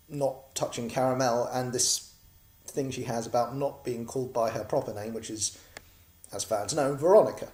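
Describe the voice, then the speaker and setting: Full of ums and false starts, this rambling, casual update to the backers of a comic project comes from a man from Norwich, England. The roomy recording carries his slightly mellow, medium-pitched voice.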